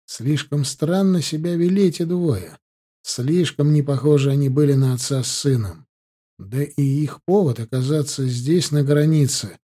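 A man narrates an audiobook in the first person at a measured, steady pace. His voice is dark and mellow, with a husky edge. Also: medium pitch.

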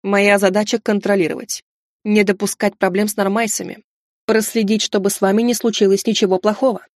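A woman voicing a calm, formal male inquisitor who oversees the shadow side of the world, in a storybook reading. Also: mid-range voice, no echo, clean studio sound, close to an everyday voice. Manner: measured, formal.

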